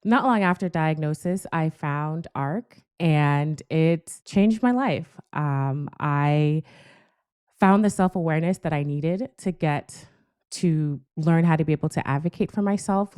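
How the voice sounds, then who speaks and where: A woman in her thirties from Jamaica and raised in South Florida, a podcast guest telling stories with enthusiasm and frequent laughs. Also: low voice. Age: 30s. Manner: enthusiastic, animated storyteller who laughs often. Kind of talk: casual podcast conversation.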